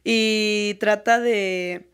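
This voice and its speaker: A woman's voice: mid-range voice, fairly even intonation, extremely slow, clear, resonant tone. A young woman with a Mexican accent, speaking earnestly and with animation as a guest in a casual interview, often breaking into laughter.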